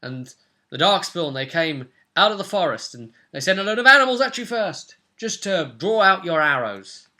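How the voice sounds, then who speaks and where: A man in his twenties, acting as game master, casually recaps a tabletop role-play session with dramatic flair in a small furnished room at home. His high voice is very animated, pushed and bright, at a moderate pace.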